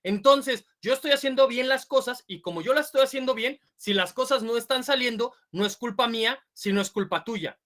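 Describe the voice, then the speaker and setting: A woman delivers a lecture to parents. Her voice is bright and forward. She explains step by step, asks the room short questions, and acts out little quoted voices as examples. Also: on the high side, a little fast, few pauses. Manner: explanatory, checks in with "ok?" and "vale?". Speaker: speaker giving a parenting talk.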